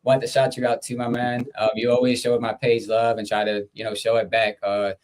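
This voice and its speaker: A man's voice: medium pitch, level tone, brisk. Easygoing man with a Baltimore accent. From Baltimore, USA. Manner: easygoing, giving shout-outs. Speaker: guest. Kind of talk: casual chat.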